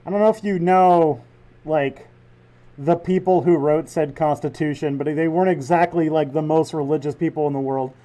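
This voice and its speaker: A man's voice: a little high, fairly even intonation, moderate pace, mellow. A young man hosting a reaction video, joking irreverently and swearing freely between clips. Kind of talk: casual reaction commentary.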